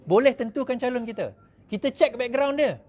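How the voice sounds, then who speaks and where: A middle-aged man with a Malaysian accent, giving an animated speech to supporters, mimicking others in quick asides and laughing often. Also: very high voice. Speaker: politician speaking to supporters.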